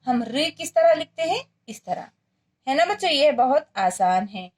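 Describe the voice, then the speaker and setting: A woman's voice: high voice, big pitch swings, a little slow, darkish tone. A woman teacher with an Indian accent giving a first-grade lesson, drilling letters in a sing-song way. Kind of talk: primary school lesson.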